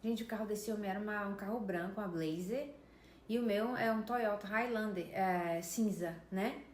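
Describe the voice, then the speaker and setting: A woman's voice: mid-range voice, moderate pace, slight background noise. A woman around fifty with a Brazilian Portuguese accent, emphatically telling a story straight to her viewers. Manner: emphatic, often addresses viewers directly. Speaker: vlogger. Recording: echoey room with faint ambience.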